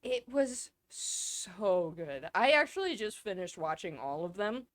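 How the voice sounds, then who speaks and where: A woman co-hosting a casual podcast, rambling and excitable, swearing freely. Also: mid-range voice, unhurried. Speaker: podcast co-host. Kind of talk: casual chat.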